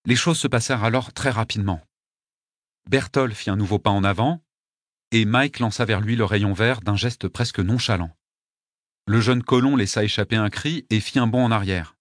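A man's voice: lowish voice, no room sound. Man reading a story, dry sound. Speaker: audiobook narrator. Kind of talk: scripted narration.

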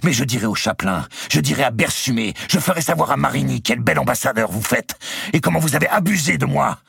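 A scornful, defiant young noblewoman, voiced by a male audiobook reader. She talks high and loud with a husky, gravelly edge, spitting contempt in a dry close sound. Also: expressive, fast talker, exaggerated voice. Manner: scornful, sharp, rising to shouts. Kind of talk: audiobook character voice.

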